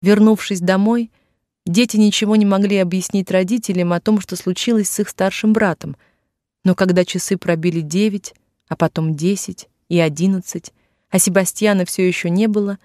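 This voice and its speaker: A man narrating a novel aloud in a measured, even storytelling voice, in a dry room. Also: high-pitched, no room sound. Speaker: audiobook narrator. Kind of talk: scripted literary narration.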